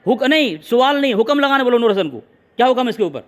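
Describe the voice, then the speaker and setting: A man's voice: very high voice, very animated, quick pace. A man in a heated religious debate, insistent, repeating his phrases again and again.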